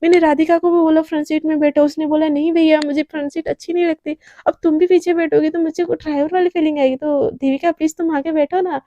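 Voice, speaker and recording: A woman's voice: sits high, level tone, quick pace, few pauses, mellow, dull audio, lightly acted. A woman voicing a smitten young man who pleads and coaxes, told in a Hindi story. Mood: coaxing.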